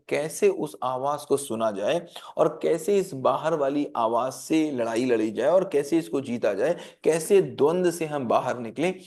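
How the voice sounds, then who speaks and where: A man's voice: on the high side, darkish tone. A man coaching a group of parents, teaching earnestly, with repeated rhetorical questions and English phrases mixed in. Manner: mixes English phrases into his talk.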